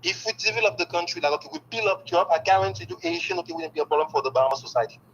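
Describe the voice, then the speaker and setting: A man's voice: sits high, very fast, lo-fi sound, a little hiss or hum. A man from Haiti who speaks natively, answering interview questions in a candid, emphatic way and filling his talk with "okay.". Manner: excited, emphatic, peppers speech with "okay".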